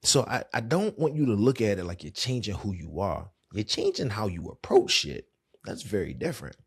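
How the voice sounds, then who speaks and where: Podcast host and therapist, man with a DC accent; low, husky, candid, colloquial. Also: wildly swooping pitch, moderate pace. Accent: Washington DC. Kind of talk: casual monologue.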